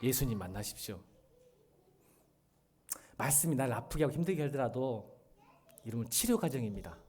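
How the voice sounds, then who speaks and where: A middle-aged male pastor delivers a Sunday sermon in a church. He talks to the congregation directly, shifting from quiet, earnest lines to loud, animated passages. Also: mid-range voice, brisk, slightly rough. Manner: animated, swings from soft to loud when retelling a drama scene. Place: church sanctuary.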